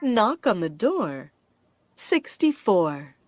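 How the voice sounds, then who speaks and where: A woman working as a bingo caller, announcing rhyming number nicknames in short, deliberate, separated calls. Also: mid-range voice, very animated. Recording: loud music behind the voice. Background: loud music.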